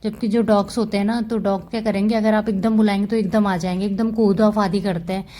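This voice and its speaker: A woman's voice: medium pitch, fairly even intonation, fairly quick, dark tone. A woman giving a casual, chatty voice-over about her pet cats, fond and explaining as she goes. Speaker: cat vlogger.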